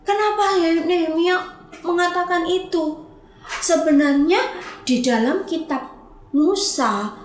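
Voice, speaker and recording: A woman teaching Sunday school, telling a Bible story to children in a lively way and asking them questions. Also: high-pitched, reverberant.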